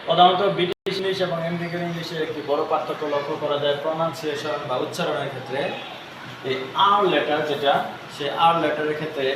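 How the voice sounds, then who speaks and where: Man teaching in an echoey room. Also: a little high. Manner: explains slowly, repeating example words. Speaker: English teacher. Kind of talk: online lesson explaining to students. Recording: echoey room, mic far off, noise.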